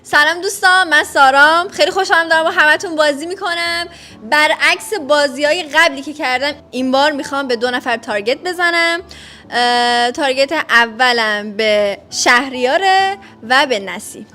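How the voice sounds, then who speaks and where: Female player, high, bright voice. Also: faint music behind.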